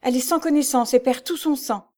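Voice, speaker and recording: A woman's voice: high-pitched, a little fast, dark tone, voice pushed up, natural voice. A woman voicing a flustered elderly widow who talks urgently and out of breath, in an audiobook.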